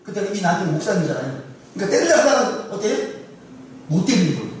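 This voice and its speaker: A male pastor preaching in a church sanctuary, telling a story with lively swings of pitch and a fairly high voice. He throws rhetorical questions at the congregation. The sound is very echoey and distant, with faint noise behind. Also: quick pace. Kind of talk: sermon.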